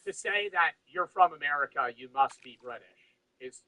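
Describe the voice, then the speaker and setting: A man's voice: fairly high pitch, lively intonation, moderate pace, sharp tone, rough recording. A young man streaming, chatting casually, rambling and swearing with frequent laughs. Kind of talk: casual chat.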